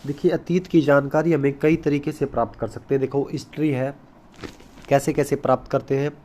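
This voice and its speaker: A man's voice: mid-range voice, little pitch movement, brisk, darkish tone. A man teaching a recorded school lesson, explaining step by step, repeating key points and mixing English terms into his Hindi.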